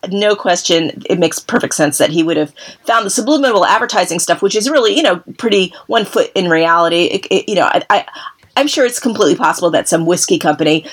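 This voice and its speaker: Husky woman rambling through ideas. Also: fairly low pitch. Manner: rambling, many restarts. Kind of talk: casual film discussion.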